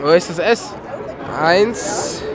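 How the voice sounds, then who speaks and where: A man's voice: high voice, slow pace. A young man working as a youth radio reporter, asking casual interview questions on location. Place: busy book fair hall. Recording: clear crowd noise behind.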